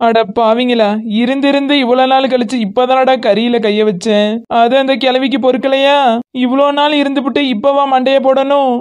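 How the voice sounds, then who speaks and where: A high-voiced cartoon village aunt, played by a woman, greedy and always grumbling, with a Kanyakumari Tamil accent. She complains loudly and turns every grievance into a drama. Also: little pitch movement, moderate pace, clear, resonant tone, lightly acted. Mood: wailing. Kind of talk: cartoon voice acting.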